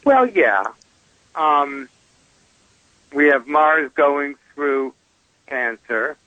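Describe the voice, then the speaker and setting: A man calling in as a guest astrologer on a radio show, his voice tinny and metallic, talking hesitantly with many pauses. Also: a little high, lively intonation, dry recording. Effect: tinny, metallic phone-line sound. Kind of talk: casual phone conversation. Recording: dull, tinny phone line.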